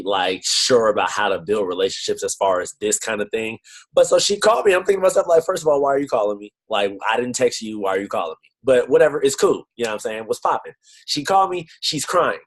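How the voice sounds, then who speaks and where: Man, team leader, slangy animated storytelling, casual motivational talk, video-call mic, mid pitch. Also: poor audio. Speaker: network-marketing team leader. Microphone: computer mic on a video call.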